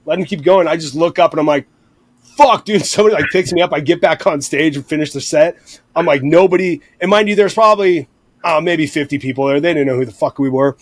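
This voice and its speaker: A man's voice: a little high, fast talker, dry recording. A man in his thirties, a former lead singer, telling rowdy, profane tour stories in a casual podcast chat. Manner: rowdy, profane, animated storyteller.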